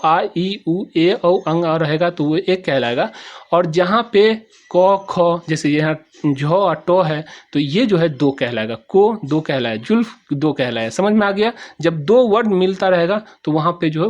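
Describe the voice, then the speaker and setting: A man with a Bihari accent teaches in a plain classroom style, with a voice sitting a little high for a man. He repeats each point and keeps checking that his students have followed along. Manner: repetitive, checks understanding often. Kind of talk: classroom explanation.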